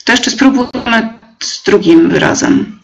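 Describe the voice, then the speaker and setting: A young woman teacher leading a live webinar, explaining step by step with many fillers and pauses. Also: fairly high pitch, highs cut off. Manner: slow, hesitant, many fillers, reads out chat replies.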